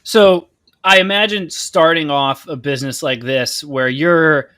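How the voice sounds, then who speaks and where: A man's voice: on the high side, a little slow, fairly bright tone, no room sound, studio quality. A man hosting an e-commerce interview show, asking loose, casual questions and cheering his guest on with short interjections. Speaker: podcast host.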